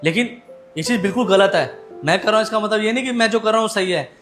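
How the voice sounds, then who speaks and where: A man acting as a hot-tempered husband and father, shouting at times and speaking softly when he apologizes, in a family drama skit. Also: high voice, fast, soft background music. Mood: apologetic.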